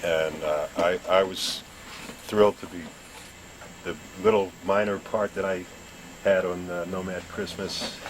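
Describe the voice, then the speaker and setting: A man giving a heartfelt, halting tribute to an old friend at a gathering. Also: deep voice, fairly even intonation. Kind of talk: heartfelt speech. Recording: crowd and background noise.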